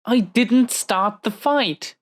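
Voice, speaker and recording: Her fairly high-pitched voice moves slowly as she portrays a supervillain in prison, protective and hot-tempered but tender underneath. This intimate audio roleplay has her speaking defensively and haltingly to someone unseen, with an irritated edge.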